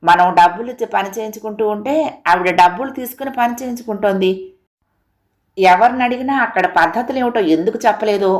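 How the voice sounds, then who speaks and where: A woman's voice: mid-range voice, lightly acted. A woman voicing a talkative middle-aged housewife in an audio story, rambling on in a complaining, chatty way.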